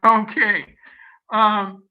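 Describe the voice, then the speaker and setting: A man's voice: high-pitched, level tone, drawn-out words. A man in his nineties, a guest on a video call, cheerfully telling a casual story about his daily life. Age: 90s. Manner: chatty, cheerful anecdote-telling. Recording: dull lo-fi video call audio.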